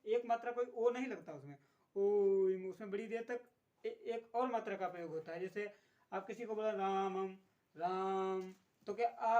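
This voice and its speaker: A man teaching an exam-prep grammar lesson who asks a question, then answers it himself, repeating key terms and pausing on frequent filler sounds. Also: high-pitched, darkish tone.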